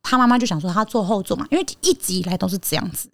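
Fast-talking woman. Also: medium pitch. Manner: animated, acts out quotes in raised voice. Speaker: podcast host. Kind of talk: casual chat, storytelling.

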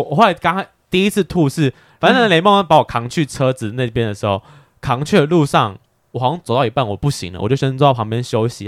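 A man speaking, co-hosting a podcast and telling a story in a casual, animated way, with stammering restarts and frequent laughter. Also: mid-range voice, no echo, studio quality. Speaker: podcast co-host.

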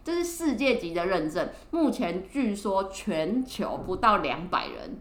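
A woman with a Taiwanese Mandarin accent co-hosting a podcast in casual chat, telling stories with animated, drawn-out endings. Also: medium pitch, roomy sound. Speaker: podcast co-host.

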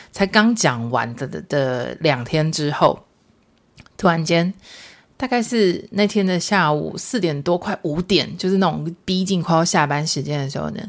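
A woman podcast host with a Taiwanese Mandarin accent, telling everyday stories in a chatty, casual monologue mixed with Hokkien phrases. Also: sits low.

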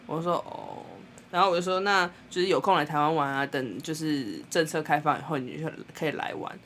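A young Taiwanese woman with a Taiwanese Mandarin accent, co-hosting a podcast and telling a story in a blunt, animated way, laughing often. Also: low-pitched, brisk, slight background noise. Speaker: podcast co-host. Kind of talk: casual storytelling chat.

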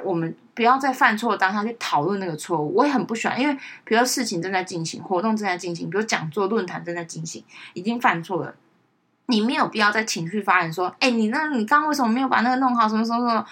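Brief: young woman podcast co-host, quick and emphatic, a bit husky. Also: mid-range voice, animated, fairly bright tone. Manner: emphatic, rising sharply when worked up. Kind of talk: casual chat.

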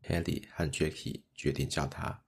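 A man narrating a children's story in a gentle, measured way. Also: very deep voice, fairly even intonation, gravelly, breathy edge.

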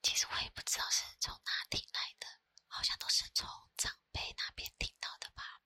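A woman with a Taiwanese Mandarin accent, an ASMR creator, shares personal stories in a soft, breathy whisper close to the mic. She is chatty yet unhurried, pausing often, and the recording is dry.

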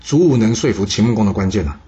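Male podcast storyteller, breathy and husky, casual and lively telling. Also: fairly low pitch, muffled recording. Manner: lively, rhetorical questions, drawn-out particles.

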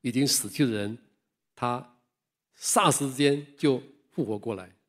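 A man preaching a sermon, telling family stories in an animated way and often chuckling. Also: mid-range voice, a little slow.

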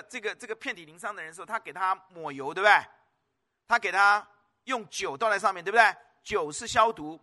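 A man's voice: high-pitched, bright, forceful tone. A man preaching a sermon as pastor, emphatic, repeating words and asking the listeners rhetorical questions.

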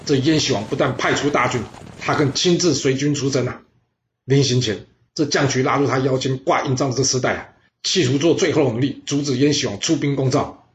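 A man telling a history audiobook in a lively, chatty way with asides to the listener. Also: fairly high pitch. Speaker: storyteller. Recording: roomy, slightly dull audio.

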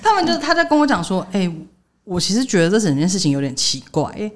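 A young woman, co-hosting a podcast and telling a workplace story in casual chat. She acts out what others said, jumping up in pitch for the quotes. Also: quick pace. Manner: animated retelling, voicing others' quotes with jumps in pitch. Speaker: podcast co-host.

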